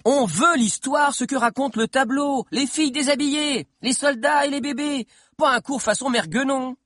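A man voicing an impatient teenage girl heckling loudly, in an audiobook. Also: very high-pitched, moderate pace, no room sound, clean studio sound, pitched above the performer's own voice. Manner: shouting, impatient. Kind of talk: audiobook character voice.

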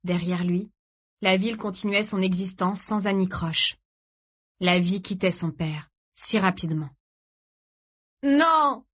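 A woman reading a dramatic novel aloud in a steady, grave storytelling voice. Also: lowish voice, unhurried, breathy edge. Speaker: audiobook narrator. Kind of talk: scripted dramatic narration.

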